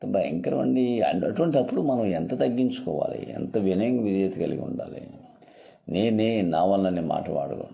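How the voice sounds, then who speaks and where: Male pastor, fervent sermon, low gravelly voice. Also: expressive, normal speed, highs cut off. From Andhra Pradesh, India. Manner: fervent preaching with rhetorical questions and repeated exhortations. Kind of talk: devotional sermon.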